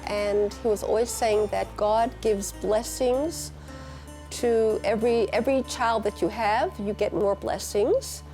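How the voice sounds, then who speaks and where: An older woman talking about her life in an interview, reflective and unhurried. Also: medium pitch, dark tone, faint music behind. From United States. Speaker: teacher and community leader.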